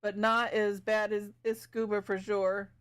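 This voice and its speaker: A woman's voice: mid-range voice, flat delivery, unhurried, clear, resonant tone. A woman streaming live as she paints, chatting casually with viewers, thinking aloud and giggling often.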